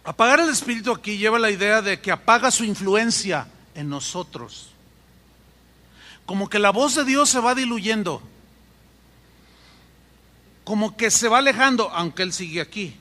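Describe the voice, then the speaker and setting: A man preaching a sermon as pastor, animated and acting out voices in his stories. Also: high-pitched, moderate pace, long pauses. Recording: echoey hall with long reverb.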